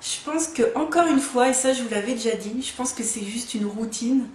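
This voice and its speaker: A woman's voice: a little high, normal speed, darkish tone. A woman turning thirty, reviewing skincare products in a frank, chatty way full of fillers and restarts. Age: 30s. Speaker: beauty vlogger. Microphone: camera mic. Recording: echoey room with faint ambient noise.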